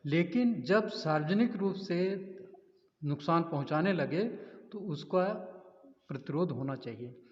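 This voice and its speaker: Worked-up analyst guy, slightly high voice, echoey dull room. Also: lively intonation, measured pace. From Uttar Pradesh, India. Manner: indignant, emphatic, with hesitant restarts. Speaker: political analyst. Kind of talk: news interview answers. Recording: echoey, roomy, dull lo-fi sound.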